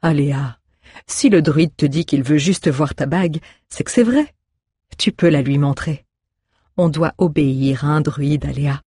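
A storybook reader voicing a woman innkeeper who gently coaxes a child to obey. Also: mid-range voice, a little slow, breathy edge, dry recording, clean studio sound. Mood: coaxing.

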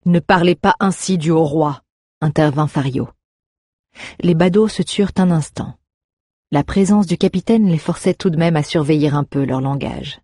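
A woman narrates an audiobook with expressive storytelling at a moderate pace. Her voice sits low and is somewhat husky, recorded dry and close with no room sound.

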